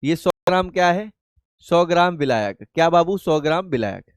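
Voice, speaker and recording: A man's voice: a little high, animated, moderate pace, clear, resonant tone, dry recording. A male chemistry teacher giving a live online class lecture. He asks questions, answers them himself, and calls the students by pet names. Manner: affectionate, calls students beta and babu.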